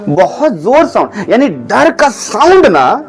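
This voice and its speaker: Animated male preacher with call-and-response. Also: high voice, slow pace, faint music behind. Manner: animated, repeats questions for the congregation to answer.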